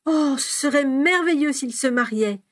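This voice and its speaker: A woman's voice: a little high, lively intonation, fast, dry recording, far from the mic, pitched above the performer's own voice. A woman voicing a young girl who murmurs with delight, in a dry close recording.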